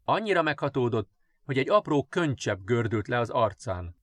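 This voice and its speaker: A man's voice: mid-range voice, sing-song, a bit bright, no echo. Man reading a children's story. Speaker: audiobook narrator. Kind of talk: storybook narration.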